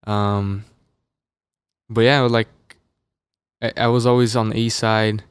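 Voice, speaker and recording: A young man from Las Vegas chats casually as a podcast guest, rambling through his stories with plenty of fillers. His voice sits low and smooth, with a fairly flat, even delivery. The dry, close studio mic adds no room sound. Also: slow pace, no echo. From Las Vegas, USA. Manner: relaxed, loose, filler-heavy storytelling. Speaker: musician guest. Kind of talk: casual interview chat. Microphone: dynamic studio mic.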